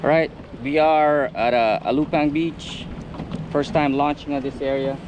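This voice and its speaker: A man narrating a casual vlog, halting and often pausing mid-sentence. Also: a little high, fairly even intonation, darkish tone, highs cut off. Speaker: kayak fishing vlogger. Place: outdoors at a beach by the water. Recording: outdoor water and wind noise.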